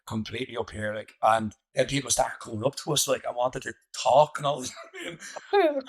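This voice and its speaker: A man's voice: medium pitch, poor audio. An Irish man, a guest musician, telling a long anecdote casually, rambling with lots of fillers and laughing as he goes. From Ireland. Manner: rambling, laughs through stories, many fillers. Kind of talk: casual storytelling.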